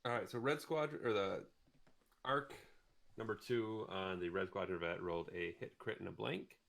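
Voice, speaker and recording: A man co-hosting a live-streamed tabletop game, calmly reading out dice results step by step. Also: deep voice, normal speed, gravelly. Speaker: co-host calling dice rolls.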